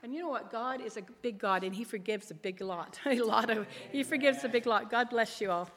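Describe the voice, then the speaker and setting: Her voice on the high side and her pace fairly quick, a middle-aged woman with a big, emphatic delivery offers a rambling personal testimony at a church gathering. The earnest lay ministry leader addresses an audience in a large, reverberant hall, and there is some background noise.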